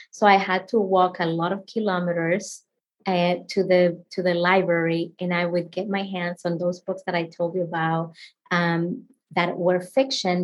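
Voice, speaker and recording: Over poor audio comes a fairly low-pitched female voice belonging to an author guest. Originally from the Dominican Republic and a native Spanish speaker, she gives casual interview answers in a chatty, expressive manner, with frequent laughter.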